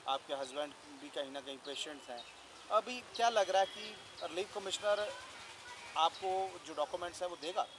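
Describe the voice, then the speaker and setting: A male news reporter asks probing questions in a street interview. His voice sits a little high. Clear background noise runs behind him. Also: moderate pace.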